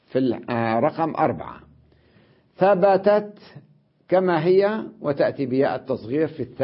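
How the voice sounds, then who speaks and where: A man's voice: a little high, husky. A male scholar giving a classroom grammar lesson, explaining step by step and often checking that students follow. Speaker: Islamic scholar teaching grammar. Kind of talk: classroom lesson on Arabic morphology. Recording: dull lo-fi recording.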